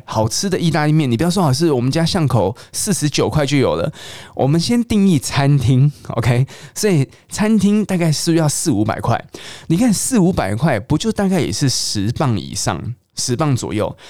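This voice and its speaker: A middle-aged man from Taiwan, teaching English in a chatty, lively way and mixing English words into his Mandarin. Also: medium pitch, dry recording. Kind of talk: casual teaching monologue.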